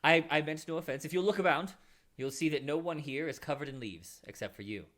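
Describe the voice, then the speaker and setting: A man's voice: on the high side, brisk, fairly bright tone, pitched above the performer's own voice, lightly acted. A man playing a haughty, pompous librarian. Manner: stiff, condescending formal speech.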